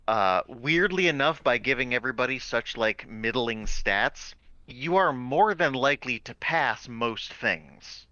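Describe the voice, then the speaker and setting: A man and game master who teaches high school, chatting casually about his tabletop game and often repeating words as he explains. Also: expressive, measured pace, bright, forceful tone, dry recording.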